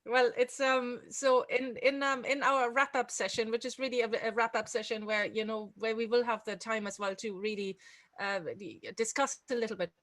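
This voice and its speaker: A woman's voice: a little high, level tone, moderate pace, a bit bright. A woman hosting an online music-teaching webinar, chatting casually with many fillers and restarts over a video call. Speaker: webinar host and music tutor.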